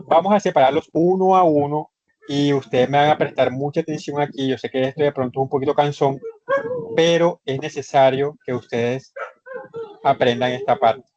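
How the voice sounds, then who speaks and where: A man's voice: fairly high pitch, steady tone, moderate pace, darkish tone, no echo. A man teaching an online English class, explaining patiently step by step and repeating key points. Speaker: English instructor. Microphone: computer microphone in a video session. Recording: slightly muffled online session audio.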